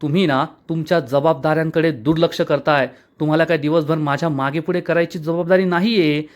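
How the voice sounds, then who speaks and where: A man's voice: on the high side, steady tone, a little fast, close to an everyday voice. A man voicing an exasperated young wife who scolds her husband, in a serial episode recap. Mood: angry. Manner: scolding, indignant.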